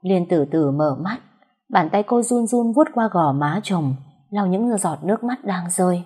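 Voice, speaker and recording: Low, husky woman narrating a story. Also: expressive, a little slow, warm tone.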